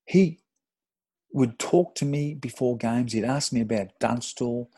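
A middle-aged Australian man, a former footballer, telling an animated, sweary anecdote with self-deprecating laughs in casual podcast chat. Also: mid-range voice, a little slow, breathy edge, no room sound. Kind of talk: casual storytelling.

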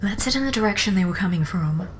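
A woman's voice: medium pitch, expressive, quick pace, noisy background, natural voice. A woman playing a guarded, defiant adventurer in an audio drama, with a dry, sardonic way of talking. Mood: wary. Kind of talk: scripted audio drama acting.

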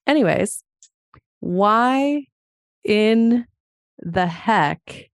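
A woman's voice: fairly low pitch, clear, resonant tone, no echo, clean studio sound. A woman from Montana hosting a solo podcast as a psychologist, chatty and explanatory. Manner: chatty, explanatory, laughs now and then.

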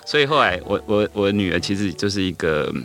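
Low-voiced man telling a story. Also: animated, fairly bright tone. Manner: unhurried, full of hesitant fillers and restarts. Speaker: guest, elementary school teacher. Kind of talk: conversational podcast storytelling.

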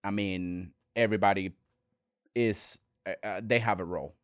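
A man, a restaurant owner talking as a guest in an earnest, halting way with many restarts. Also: deep voice, fairly even intonation, clear, resonant tone, dry recording, clean studio sound. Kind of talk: casual interview talk.

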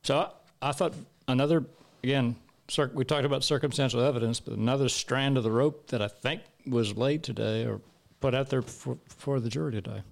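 A man's voice: mid-range voice, a little fast, creaky. A man commenting on a trial in a casual panel discussion, emphatic and repeating words for stress. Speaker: legal commentator.

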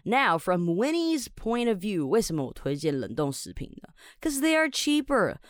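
A woman's voice: mid-range voice, sing-song, normal speed, no echo, clean studio sound. A woman from Taiwan, hosting a podcast lesson as an English teacher. She is upbeat and chatty and explains words step by step.

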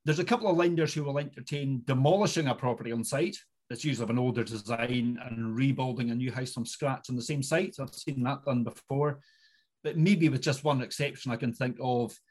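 Middle aged guy w a scottish highland accent, chatting as the expert guest on an interview. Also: brisk, a little mellow. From Inverness, Scottish Highlands.

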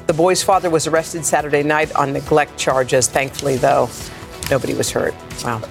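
Low-voiced woman anchoring morning news. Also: steady tone, moderate pace, vocal fry, soft background music. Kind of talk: scripted news reading with casual asides.

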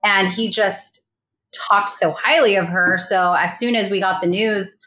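A woman's voice: medium pitch, a little slow, sharp tone. A woman recounting a real crime in a casual interview, hesitant with many fillers and restarts. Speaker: guest recounting a colleague's murder.

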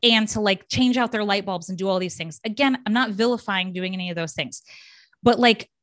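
A woman's voice: medium pitch, a little fast, a bit bright, no room sound. Impassioned woman podcaster, dry sound. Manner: impassioned, emphatic, frequent tag questions. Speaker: podcast host. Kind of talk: solo podcast monologue.

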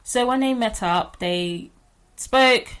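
A woman's voice: on the high side, slow, a bit bright. A woman with a British accent casually telling stories and chatting as a podcast co-host. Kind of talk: casual storytelling and chat.

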